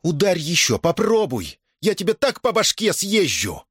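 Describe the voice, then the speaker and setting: A man's voice: sits high, sing-song, a little slow, no room sound, studio quality, pitched above the performer's own voice. A man voicing a stubborn young peasant wife who answers back sharply and defiantly.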